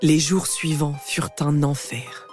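A woman narrating a fairy tale for a storybook recording with expressive, lively delivery. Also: sits low, unhurried, faint music behind.

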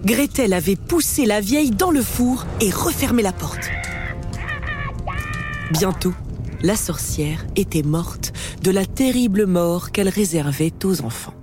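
A woman narrating a fairy tale for a storybook recording with expressive, lively delivery. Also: mid-range voice, a little slow, over music.

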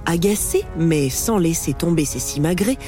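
A woman narrating a fairy tale for a storybook recording with expressive, lively delivery. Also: low voice, moderate pace, soft background music.

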